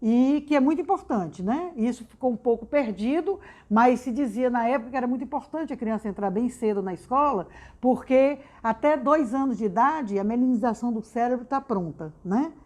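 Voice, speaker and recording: A Brazilian woman gives an informal educational talk. She tacks a tag question onto nearly every phrase and often repeats a word before she goes on. Her voice sits a little higher than most women's. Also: lively intonation, brisk, darkish tone. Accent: Brazilian Portuguese. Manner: frequent restarts and repeated words.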